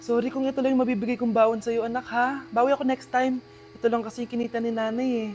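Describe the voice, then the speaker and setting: A woman acting in comedy skits, taking the softer, lower-voiced mother and friend parts. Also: flat delivery, fast talker. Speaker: comedy skit actor.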